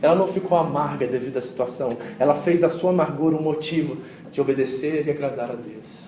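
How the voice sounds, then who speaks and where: A man preaching a sermon as pastor, telling the story with lively acted-out quotes and swings between loud and hushed. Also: a little high, fast. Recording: echoey hall miked from a distance.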